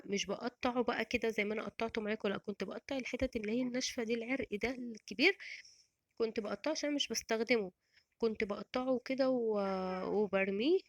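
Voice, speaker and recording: A woman's voice: a little high, no room sound. A middle-aged woman with an Egyptian Arabic accent, chatting in a rambling, casual voice-over about her home cooking. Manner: chatty and rambling, many restarts and fillers.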